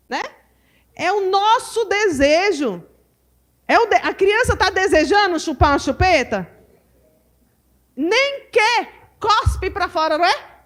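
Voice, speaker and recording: A Brazilian woman teaching at a women's church conference, animated and full of rhetorical questions to her audience. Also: high-pitched. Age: adult mother. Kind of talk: lively teaching talk to a live audience.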